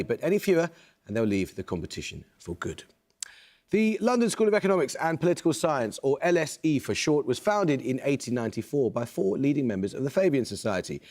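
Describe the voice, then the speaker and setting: A man hosting a quiz show, reading questions in a crisp, measured, authoritative way. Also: medium pitch, darkish tone.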